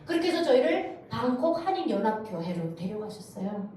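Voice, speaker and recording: A woman from North Korea giving a church testimony, telling her story in a lively way and acting out the voices she quotes. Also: a little high, brisk. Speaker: guest speaker giving testimony. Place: church sanctuary. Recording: echoey church hall, distant mic, faint noise.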